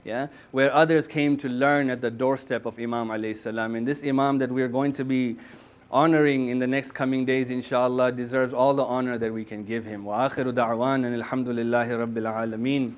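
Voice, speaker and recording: A man of middle pitch delivers a Friday sermon as imam. He talks earnestly and exhorts his listeners. He tells a story and keeps checking that they follow along. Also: fairly even intonation, brisk, clean tone. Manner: tells stories with many "yeah?" checks to the listeners.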